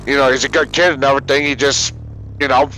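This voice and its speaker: A man's voice: medium pitch, fairly even intonation, quick pace, bright, forceful tone, slight background noise, poor audio. A man guesting on a gaming stream, telling stories in casual chat, rambling with many fillers and frequent laughs.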